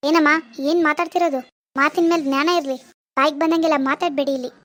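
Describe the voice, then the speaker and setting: A woman voicing a calm, blunt doctor in a cartoon, speaking in a firm, matter-of-fact way. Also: high voice, fast.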